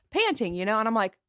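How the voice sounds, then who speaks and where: A woman in her thirties tells a story on a podcast, her voice sitting a little high and swooping all over as she acts out her own past thoughts with laughter. The sound is close and dry, with no room around it. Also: bright, forceful tone, dry recording. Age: 30s. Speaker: podcast guest. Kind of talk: casual storytelling chat.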